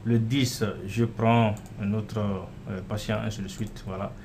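This is a relaxed, off-the-cuff screen-recorded walkthrough of an app by the developer who built it. He has a fairly low voice, keeps saying "euh" and "voilà" as he moves between screens, and a faint hum sits beneath his speech.

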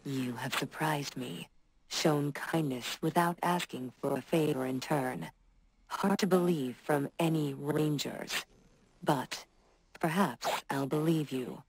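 A woman's voice: deep voice, slight background noise, low-quality recording. A woman voicing a bitter, vengeful female synth robot in a video game, speaking coldly and with contempt. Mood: grudging. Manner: cold, slow and measured, contemptuous.

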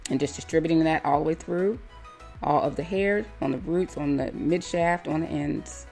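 A woman with a notably low voice talks through a hair tutorial as a voice-over. She explains each step calmly and plainly, like a stylist teaching viewers. Soft music plays faintly underneath. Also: normal speed, gravelly. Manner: calm, step-by-step instructive.

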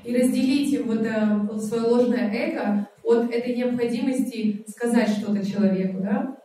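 A woman's voice: on the high side, normal speed, dark tone, distant mic. A woman working as a live interpreter, translating a lecture phrase by phrase with hesitant fillers and restarts. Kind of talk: consecutive spoken translation of a class. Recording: echoey hall, voice set back from the mic.

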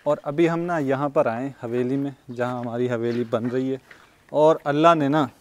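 Out on farmland and a building site, a young vlogger from Pakistan narrates in a casual style, frequently laughing between sentences. His voice is mid-range and moderately paced, captured on a lapel mic against faint outdoor ambience.

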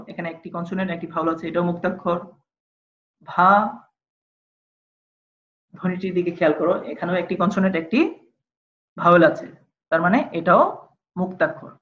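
A woman teacher giving a recorded lesson, explaining patiently step by step and speaking directly to her students. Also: fairly low pitch. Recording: dull lo-fi recording.

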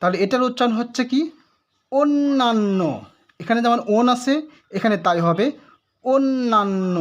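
A man teaching Bengali pronunciation to students, repeating each word slowly to drill it. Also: sits high. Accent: Bangladeshi Bengali. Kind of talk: pronunciation lesson.

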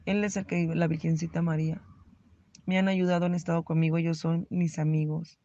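A middle-aged Mexican woman giving an earnest, halting personal faith testimony about recovering from addiction. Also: lowish voice, level tone, warm tone. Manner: earnest, halting, emotional confession. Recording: slightly dull lo-fi audio with faint background noise.

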